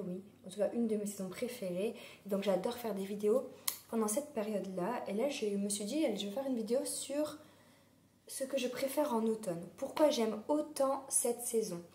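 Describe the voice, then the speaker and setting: A hoarse woman with a sore throat chats away in a fairly high, mellow voice, wandering between thoughts with plenty of fillers. Her voice rings in a roomy, echoey space. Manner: chatty, rambling, many fillers. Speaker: vlogger. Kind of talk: casual chat. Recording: roomy echo.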